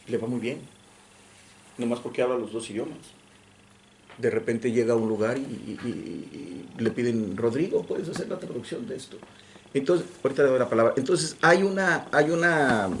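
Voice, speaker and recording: A man from Mexico giving a lecture in Spanish. He talks in an animated way with many restarts, and sometimes slips into English phrases. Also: mid-range voice, a little hiss or hum. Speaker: guest lecturer. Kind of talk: lecture discussion. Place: library lecture room.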